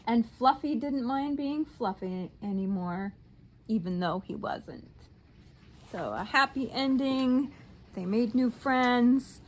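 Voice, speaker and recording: A woman teacher reading a picture book aloud to her class in a slow, expressive storyteller voice that drops soft on the tag lines. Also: on the high side, slight background noise.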